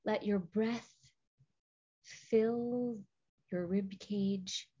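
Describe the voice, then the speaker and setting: Soft, breathy woman guiding a slow meditation. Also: medium pitch, steady tone. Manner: soft, soothing, breathy delivery with long pauses. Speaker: show host leading a guided meditation. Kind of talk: guided meditation. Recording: dull, lo-fi audio.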